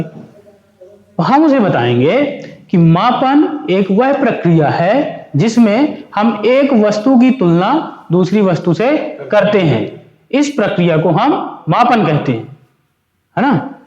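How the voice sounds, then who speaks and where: High-voiced man teaching in an echoey room. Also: darkish tone, lo-fi sound. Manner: explains step by step, asks and answers his own questions; mixes Hindi and English terms. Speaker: physics teacher. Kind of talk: classroom lecture.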